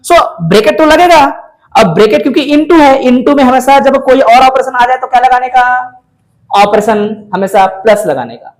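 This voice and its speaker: A man's voice: extremely high pitch, animated, moderate pace. A male math teacher lecturing a class, coaxing his students with frequent questions.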